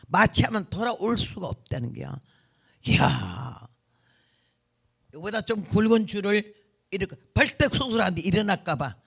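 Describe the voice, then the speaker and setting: A woman in her seventies preaches a revival sermon, telling her own story in a blunt, folksy, vivid way. Her voice is gravelly and carries a good deal of fry. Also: on the low side.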